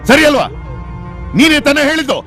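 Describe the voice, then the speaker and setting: A man's voice: medium pitch, lively intonation, moderate pace, natural voice. An actor playing a cold, defiant male convict who taunts those around him in a sneering voice. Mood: scornful. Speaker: condemned criminal. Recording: film dialogue with music underneath.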